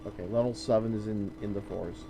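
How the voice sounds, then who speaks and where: A man's voice: lowish voice, steady tone, fast, music in the background, rough recording. A man streaming a game, chatting casually in a wry, joking way with restarts and trailing sentences. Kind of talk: casual chat while gaming.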